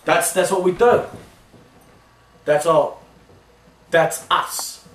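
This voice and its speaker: A man playing an oblivious washed-up rock singer in a mock interview, rambling deadpan through absurd tangents. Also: a little high, drawn-out words. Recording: roomy sound from a distant mic.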